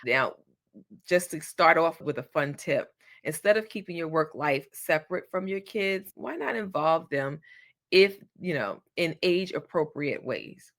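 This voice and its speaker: A woman's voice: sits low, animated, a little slow. A woman hosting a solo podcast, giving advice in a chatty, encouraging, colloquial way. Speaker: podcast host.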